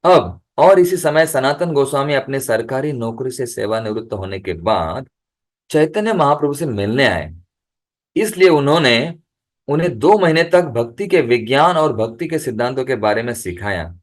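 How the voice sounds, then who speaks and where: A man giving a devotional discourse over a video call, reading letters aloud slowly and then explaining them. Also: mid-range voice, animated. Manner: chants the holy name in a rising, lifted voice. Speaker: devotional speaker.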